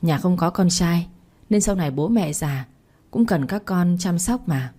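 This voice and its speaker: A woman's voice: on the low side, lively intonation, unhurried, warm tone. A woman voicing a stubborn middle-aged mother who scolds her daughter with blunt commands, in a storybook reading. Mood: scolding.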